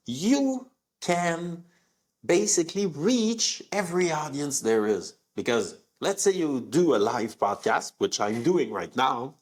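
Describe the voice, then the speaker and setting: A young French-accented man, native French speaker, hosts a live podcast in a fairly high, husky voice. He talks casually and conversationally, uses many fillers, and lets his voice rise to emphasize key words.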